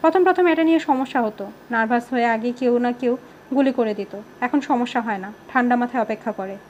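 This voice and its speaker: A woman reading a novel aloud in a steady storytelling manner, voicing the characters' lines herself. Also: a little high, a little fast, highs cut off, slight background noise. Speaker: audiobook reader. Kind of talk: storybook narration with voiced dialogue.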